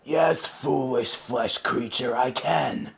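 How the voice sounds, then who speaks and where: A man voicing a menacing, scornful robot warlord with a gravelly voice. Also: medium pitch, takes it slowly.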